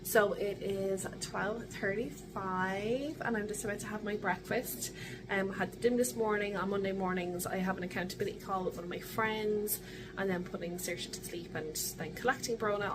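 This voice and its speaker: A woman's voice: mid-range voice, fairly even intonation, moderate pace, noisy background. A young adult woman with an Irish accent, chatting casually and in a rambling way, as in a video diary. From Ireland. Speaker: vlogger.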